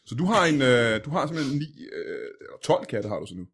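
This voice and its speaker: A man's voice: medium pitch, very animated, fairly bright tone, breathy edge. A man hosting a comedy podcast, asking dry, probing follow-up questions. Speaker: podcast host. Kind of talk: comedic interview.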